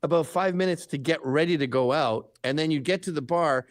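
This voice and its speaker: On a relaxed livestream chat, a Canadian guest in his fifties swears freely while telling meandering, humorous stories. His fairly high voice moves fairly quickly. The studio-quality sound has no echo.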